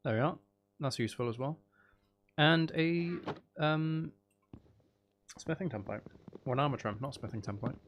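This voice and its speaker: This channel host gives casual commentary over a game for his viewers, musing aloud and doubting himself jokingly and wryly. His medium-pitched voice moves at normal speed with long pauses, and there's a little hiss or hum on the recording.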